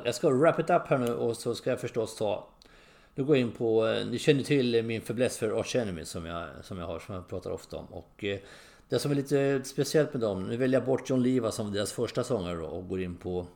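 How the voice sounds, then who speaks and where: A man's voice: lowish voice, expressive, vocal fry, darkish tone. A middle-aged man hosting a podcast, talking alone in a casual, rambling way with many fillers. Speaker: podcast host. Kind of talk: casual monologue.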